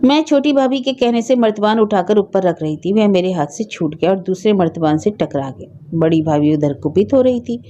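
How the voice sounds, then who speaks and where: A woman narrates a story in the first person with a dark, mellow timbre at a middle pitch. Her reading is calm and measured. The recording is slightly dull and lo-fi. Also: a little hiss or hum.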